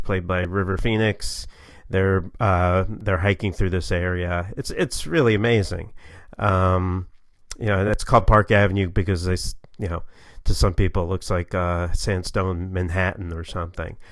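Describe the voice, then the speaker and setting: Low-voiced man lecturing casually. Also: normal speed, hardly any pauses, no echo. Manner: relaxed, rambling, many fillers. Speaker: university lecturer.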